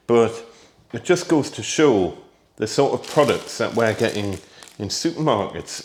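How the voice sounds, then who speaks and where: A British man hosting a casual gardening vlog, chatty and relaxed, thinking aloud with small asides and talking while he tastes food. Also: fairly low pitch. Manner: talks while tasting food. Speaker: gardening vlogger.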